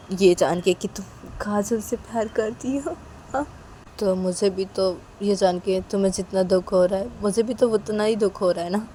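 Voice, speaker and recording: A woman voicing a lovelorn young woman who confesses her love in a soft, halting, pleading way. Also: mid-range voice, a little hiss or hum, lightly acted, low-quality recording.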